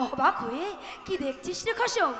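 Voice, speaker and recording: An actress playing a chatty, teasing village wife in a Bengali stage drama, familiar in manner. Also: female voice, very high-pitched, animated, moderate pace, pushed and bright, heavily acted. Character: chatty, teasing rustic wife scolding her husband. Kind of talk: Bengali jatra stage acting. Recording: echoey hall, music clearly behind.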